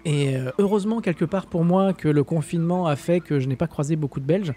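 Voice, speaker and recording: Un streamer français sans accent qui commente un simulateur de vol en direct, lit le chat et plaisante, avec beaucoup d'hésitations. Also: male voice, a little high, brisk, mellow. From France. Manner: chatty, joking, many hesitations. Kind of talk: live-stream flight sim commentary, reading chat.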